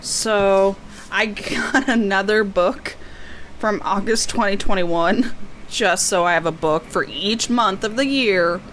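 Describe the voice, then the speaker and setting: Clear background noise runs under this casual unboxing vlog, where a book-loving woman with a mid-range, slightly bright voice chats in a rambling, self-deprecating way, frequently going off on tangents.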